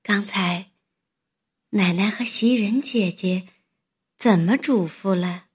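Timid young servant girl, woman putting her on, hushed and soft, a bit husky. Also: mid-range voice, slow pace. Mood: gentle. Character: shy young maidservant girl, flustered and modest.

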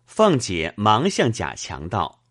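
A man reads a classic novel aloud in a deep voice, taking his time. His delivery is expressive, with a lively swing in pitch, and the recording is dry and close. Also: no room sound. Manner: measured, expressive storytelling. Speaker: narrator. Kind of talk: audiobook narration of a classic novel.

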